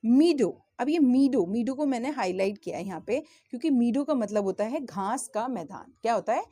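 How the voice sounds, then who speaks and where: A woman teaching English to children, slowly spelling out words letter by letter, often checking in with the learners. She speaks English with an Indian accent. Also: a little high, lively intonation, mellow, no echo, clean studio sound. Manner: slow, patient, spells words letter by letter and asks questions; often checks in with "theek hai?". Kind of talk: spoken English lesson for children in Hindi.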